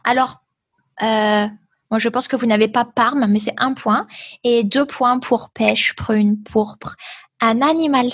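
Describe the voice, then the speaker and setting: A high-voiced woman teaches an online language class over a video call. Her delivery is slow and patient, with a husky, breathy edge. She encourages her students warmly and moves between French terms and English explanations. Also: fairly even intonation.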